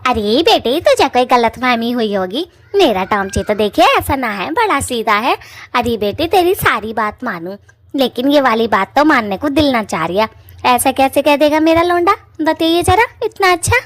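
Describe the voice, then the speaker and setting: A woman's voice: sits high, big pitch swings, normal speed. A woman voicing a rustic, bossy village auntie who dotes on her son, in a cartoon. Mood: defensive. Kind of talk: cartoon voice acting.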